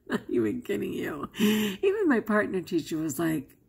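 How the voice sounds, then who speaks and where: A vlogger who isn't a native English speaker chats candidly to her camera in a casual vlog, laughing often. Her mid-range voice is sing-song and unhurried, gravelly, darkish and slightly rough.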